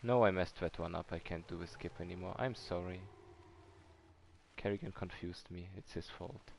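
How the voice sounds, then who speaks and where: A man's voice: deep voice, normal speed, vocal fry, a little mellow, a little hiss or hum. A man casually commenting while speedrunning a game, chatting with viewers and shrugging off his own mistakes. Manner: chatty, answers chat, self-deprecating about mistakes. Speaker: speedrunner streamer.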